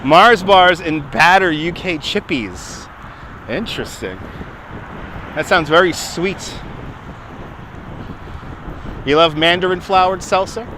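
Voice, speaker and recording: A New York-accented livestream host walks along a waterfront outdoors, chatting casually with viewers and answering them with quick laughs. His voice is a little high and sharp. The phone-on-gimbal recording is rough, with slight background noise.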